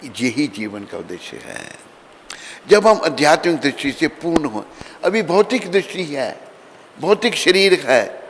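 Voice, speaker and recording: A man delivering an earnest devotional sermon, his voice carrying a long reverb through a temple hall. He speaks at an ordinary pitch and now and then calls out to his listeners. A faint hum of background noise sits under him. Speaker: spiritual teacher. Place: temple hall during morning worship.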